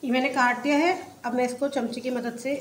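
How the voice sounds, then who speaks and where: A woman's voice: high voice, steady tone, a little fast, reverberant, slight background noise. A woman hosting a cooking channel, chatting her way step by step through a home recipe. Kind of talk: casual recipe voice-over. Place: home kitchen.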